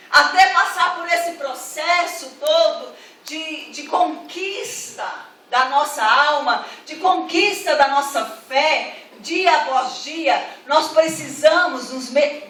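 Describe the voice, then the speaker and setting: In a church hall, a middle-aged female pastor delivers an impassioned sermon that climbs into forceful appeals to her congregation. She has a high voice with a fairly bright tone, captured from far away in an echoing hall.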